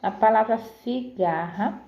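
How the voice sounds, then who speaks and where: A woman's voice: on the high side, echoey room, highs cut off. A woman teaching a grammar lesson to pupils, sounding out words syllable by syllable and checking in often. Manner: slow, careful syllable-by-syllable explanations with frequent "certo?".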